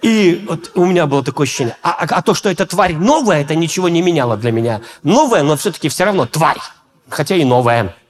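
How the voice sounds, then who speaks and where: A male pastor preaching a sermon, telling stories with acted-out voices and bursts of shouting. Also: a little high, fast talker. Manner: animated storytelling, acts out voices and shouts.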